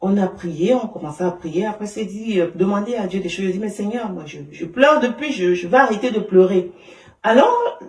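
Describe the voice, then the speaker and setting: A woman gives a heartfelt personal testimony in conversation. She speaks haltingly and often restarts her sentences. Her voice is at a middling pitch and comes from some distance off the mic, in a roomy space. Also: darkish tone. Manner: emotional, halting storytelling with many fillers and restarts. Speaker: interview guest.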